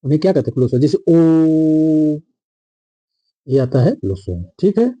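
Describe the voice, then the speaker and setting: A man's voice: mid-range voice, sing-song, racing, breathy edge, no echo, highs cut off. A man teaching a grammar lesson, repeating each key line and quizzing his viewers as he goes.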